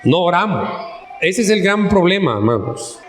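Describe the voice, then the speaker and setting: A male pastor with a Honduran Spanish accent preaching a sermon, who keeps calling his listeners "brother" and slows down for quoted verses. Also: sits high, big pitch swings, echoey room, over music. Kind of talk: sermon reading and explaining scripture. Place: church hall.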